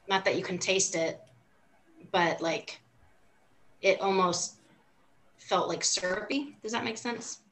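A woman's voice: fairly low pitch, a bit bright, rough recording. A woman co-hosting a casual podcast, rambling and laughing as she searches for words to describe a whiskey. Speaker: podcast co-host. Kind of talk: casual chat.

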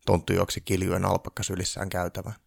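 A man reading a humorous Christmas story aloud in a dry, deadpan way. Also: low voice, vocal fry, breathy edge, no room sound.

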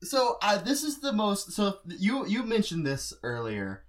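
A young man co-hosting a podcast chats casually about a movie in a high voice, speaking a little slowly. He's animated and jokey, laughing often throughout the review.

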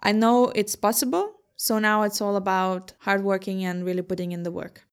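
A young woman from Lithuania, an entrepreneur, answering interview questions in a measured, thoughtful way and laughing easily. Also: medium pitch, steady tone, clear, resonant tone.

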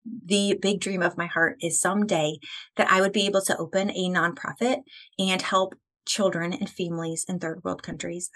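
A woman's voice: on the low side, a bit bright. A woman in her thirties from the United States, a podcast guest talking earnestly and with growing passion about faith, at times close to tears. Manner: earnest and passionate, building to emotional fervor. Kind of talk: faith-focused podcast conversation.

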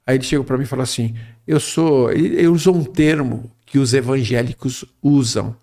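Telling a personal story in a loose, rambling way, a middle-aged man speaks at medium pitch, a little fast and mellow. Many of his phrases end with a questioning "né?", like "right?".

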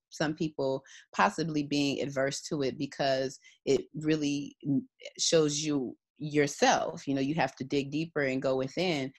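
A woman's voice: sits low, dry recording. A woman in her thirties, talking as an interview guest in a reflective, rambling way with many fillers. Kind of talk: casual conversation.

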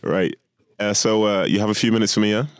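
A man's voice: lowish voice, flat delivery, fast talker, smooth, no room sound. A man hosting a podcast, upbeat and chatty, teasing his guest in a friendly way. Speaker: podcast host. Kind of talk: podcast interview.

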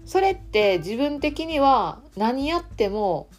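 A woman with a Kansai accent hosting a casual solo podcast as a coach, talking in a relaxed, chatty way with soft fillers. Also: high-pitched, slow, soft background music.

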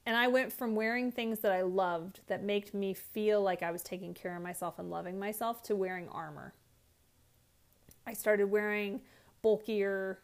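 A woman talks through her own solo podcast in a loose, candid way, with a wry edge to her reflections. She is recording from inside a closet at home. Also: medium pitch. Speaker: podcast host. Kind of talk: casual solo podcast monologue.

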